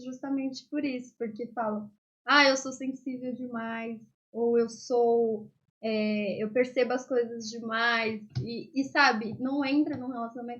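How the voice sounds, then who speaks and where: A young woman with a Brazilian Portuguese accent hosts a casual faith podcast, speaking conversationally. Her voice is somewhat high, and the audio is muffled and lo-fi. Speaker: podcast host. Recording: dull lo-fi audio.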